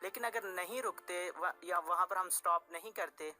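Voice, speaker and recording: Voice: medium pitch, moderate pace, sharp tone, soft background music. A Quran recitation teacher, patiently explaining tajweed rules and restating each point several ways.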